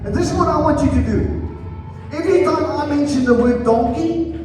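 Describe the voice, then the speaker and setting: High-voiced pastor preaching, repeats himself, roomy echo, mic kinda far off. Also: male voice, brisk, darkish tone, faint music behind. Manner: conversational, repeats words, addresses congregation directly. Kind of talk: sermon with scripture reading. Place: church sanctuary. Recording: echoey hall, distant mic, background noise.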